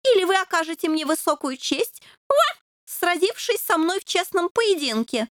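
A woman's voice: animated, normal speed, fairly bright tone, no room sound, clean studio sound. A woman voicing a young male fox terrier puppy who dreams of knighthood, pompous and chivalrous, always saying "oh". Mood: courtly. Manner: high-pitched, peppers speech with "oh".

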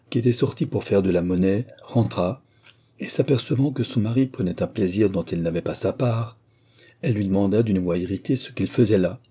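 Brief: low husky male audiobook narrator, measured and earnest. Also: warm tone. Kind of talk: audiobook reading.

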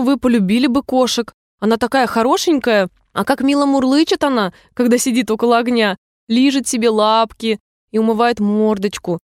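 Storybook girl: woman reader doing a polite, chatty kid voice, earnest and eager, pitched high. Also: dry recording, studio quality, close to an everyday voice. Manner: earnest, rambling, apologetic.

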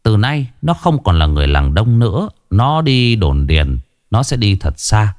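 A man narrating a ghost story in an expressive, animated reading. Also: on the low side, measured pace, dry recording, studio quality.

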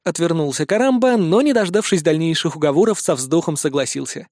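A man's voice: on the high side, fairly quick, a little mellow, no room sound. Male audiobook narrator, dry close sound.

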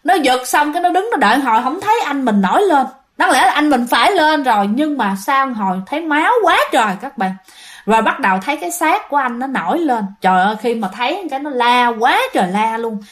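A woman's voice: high voice, lively intonation, fairly quick. A woman telling ghost stories in a casual, chatty way, often turning to her listeners. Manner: chatty, keeps addressing listeners, many fillers. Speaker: ghost story narrator. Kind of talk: casual spoken storytelling.

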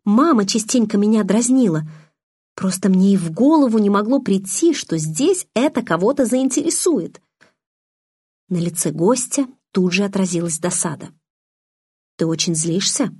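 A woman narrating a novel in the first person, in an even, measured storytelling manner. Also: medium pitch, husky, dry recording, clean studio sound. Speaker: audiobook narrator.

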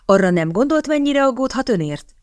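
A woman reading the lines of a composed young gentleman in a firm, commanding way. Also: fairly high pitch, big pitch swings, dry recording, clean studio sound, voice pushed up.

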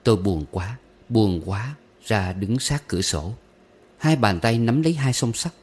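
Low-voiced man narrating a wistful story. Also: lively intonation, unhurried, breathy edge. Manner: wistful, gently humorous storytelling with poetry recitation. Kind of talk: audiobook short story narration.

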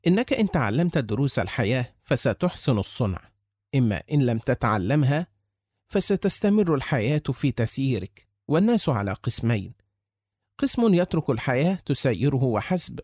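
A man voicing a shrewd, wealthy older businessman who speaks calmly and lectures in a measured way, in an audiobook. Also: medium pitch, no room sound, studio quality. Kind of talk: audiobook character reading.

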